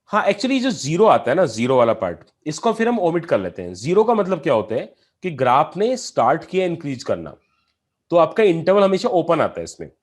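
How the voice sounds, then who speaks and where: Male math teacher, step-by-step lecture, animated and slightly high-pitched. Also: brisk. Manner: explains step by step, asking students questions; mixes in English math terms. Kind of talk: classroom lecture on calculus.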